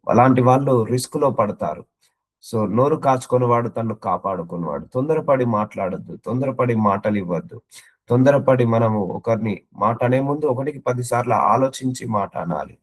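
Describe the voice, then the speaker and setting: A man preaching an earnest sermon, stacking repeated phrases into rhythmic lists and reading out scripture verses. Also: medium pitch. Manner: earnest, exhorting.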